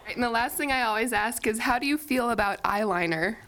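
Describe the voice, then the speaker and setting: A woman interviewer asking measured questions and laughing easily. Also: on the high side, heavy background noise.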